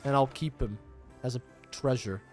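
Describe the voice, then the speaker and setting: A man's voice: mid-range voice, normal speed, a little mellow, soft background music. A man livestreaming a game, chatting casually in an informal, sweary, bantering way. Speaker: livestream host, gamer. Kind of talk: casual livestream chat while gaming.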